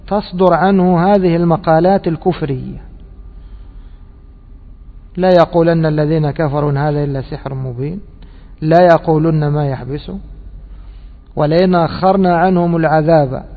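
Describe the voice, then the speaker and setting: Man teaching in a reverberant hall, tinny sound. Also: on the high side. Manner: quizzing listeners with prompting questions; repeats and drawls key words slowly. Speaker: teacher of Quranic exegesis and grammar. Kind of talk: classroom lesson with questions to students. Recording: tinny phone-like audio with long hall reverb.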